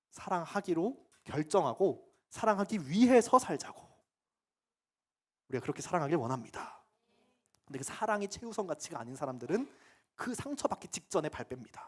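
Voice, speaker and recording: A man's voice: on the high side, big pitch swings, normal speed. A young man preaching a sermon, telling stories with acted quotes and laughing as he goes. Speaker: ministry staff preacher.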